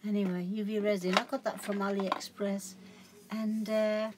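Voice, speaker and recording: A woman's voice: mid-range voice, level tone, normal speed, heavy background noise. A woman casually showing her crafts at home, rambling and correcting herself as she goes. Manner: rambling, chatty, self-correcting. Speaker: craft vlogger. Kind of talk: casual show-and-tell chat.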